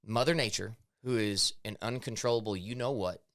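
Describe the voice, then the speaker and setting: A young man from Missouri co-hosts a casual podcast chat, spelling out his opinions on farming at length. His voice is fairly low pitched, a bit bright, and delivered at normal speed.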